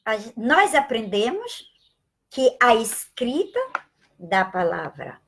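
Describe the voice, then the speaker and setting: A Brazilian woman teaching a live-streamed Portuguese lesson, spelling sounds out slowly and greeting viewers by name with affectionate asides. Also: a little high, very animated, fairly bright tone, slightly rough. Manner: slow, drawn-out spelling of sounds and letters.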